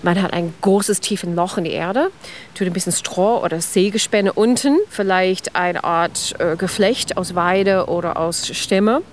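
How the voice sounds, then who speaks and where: A woman's voice: lowish voice, measured pace, a little hiss or hum. Woman explaining ice cream history. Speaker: ice cream expert guest. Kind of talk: radio interview.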